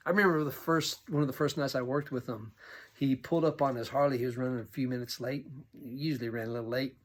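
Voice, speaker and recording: A middle-aged pastor telling personal stories in an animated way, sometimes dropping to a near whisper. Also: male voice, medium pitch, fast talker. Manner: animated, acts out quoted voices, drops to a near whisper at tense moments. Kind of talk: storytelling monologue.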